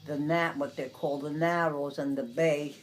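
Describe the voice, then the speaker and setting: An elderly woman in her nineties from Brooklyn, reminiscing in a casual interview, haltingly, searching for words and repeating phrases. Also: low voice, steady tone, soft background music. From Brooklyn, New York. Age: 90s. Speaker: interviewee recalling the past.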